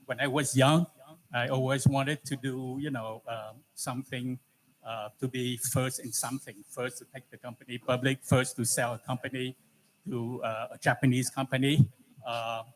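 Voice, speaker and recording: In a noisy room at a live event, a Vietnam-born tech entrepreneur in his seventies speaks as an alumni guest, casually introducing himself and offering advice. His voice is mid-range and level in tone, with a Vietnamese accent. He stops often, filling gaps with "you know."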